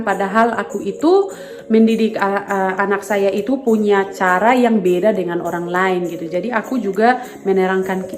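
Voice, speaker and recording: Chatty woman vlogger, roomy sound. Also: mid-range voice. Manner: chatty and rambling, full of fillers, addresses viewers as friends. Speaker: vlogger and mother. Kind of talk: casual talk to viewers. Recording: echoey room.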